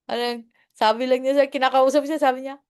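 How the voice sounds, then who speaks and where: A woman's voice: sits high, steady tone, fast talker, a little mellow, smooth. A woman pastor telling homely stories in a casual sermon. She is chatty, laughs often and slips in English phrases.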